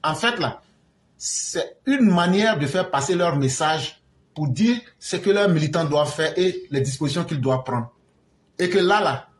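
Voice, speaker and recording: An Ivorian man with a high, bright-pitched voice tells his story as a commentator, mixing street slang into his French. He acts out both sides of the conversations he retells. The sound is roomy, with a clear echo around him. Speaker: political commentator.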